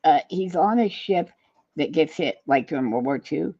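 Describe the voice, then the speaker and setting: A man co-hosting a loose chat, rambling through stories and throwing in jokes. His voice sits at a middle pitch. The sound is dry and a little dull. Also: lively intonation, moderate pace, mellow, dry recording. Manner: rambling, jokey storytelling. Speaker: podcast co-host. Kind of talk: casual banter.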